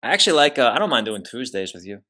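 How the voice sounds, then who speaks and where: A man's voice: medium pitch, very animated, rapid-fire, pushed and bright. A young man from New Jersey hosting a podcast over a video call, chatting casually and joking with plenty of swearing. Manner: profane, joking, loose. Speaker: podcast host. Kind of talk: casual chat.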